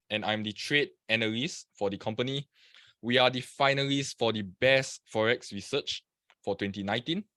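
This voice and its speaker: A man's voice: mid-range voice, sharp tone, no echo. Male webinar presenter from Singapore, casual and chatty, greets viewers by name, dry computer-mic sound. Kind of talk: live webinar talk.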